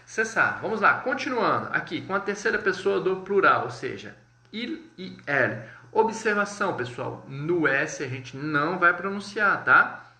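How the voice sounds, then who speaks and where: A man with a Brazilian Portuguese accent teaching a live online French lesson, explaining step by step, checking in often with viewers and saying French words slowly and clearly. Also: a little high, very animated, pushed and bright. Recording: echoey room.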